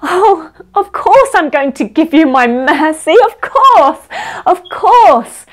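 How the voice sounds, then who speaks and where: A woman voicing a gentle male saint in a storybook who eagerly repeats himself as he forgives. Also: high-pitched, slow, smooth. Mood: joyful.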